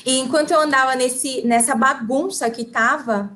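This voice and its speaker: A woman with a Brazilian Portuguese accent quickly interprets a talk consecutively, phrase by phrase, keeping pace with the speaker. Her voice is high, fast and a little bright.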